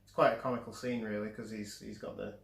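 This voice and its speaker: A man's voice: lowish voice, flat delivery, fast talker, vocal fry, a little hiss or hum. A man hosting a casual movie review chat, talking hesitantly with frequent restarts. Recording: roomy echo.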